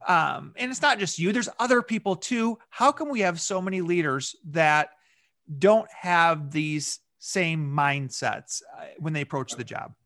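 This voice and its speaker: A man hosting a podcast, agreeing and then haltingly framing his question. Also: on the high side, expressive, pushed and bright. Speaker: podcast host. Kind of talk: podcast interview.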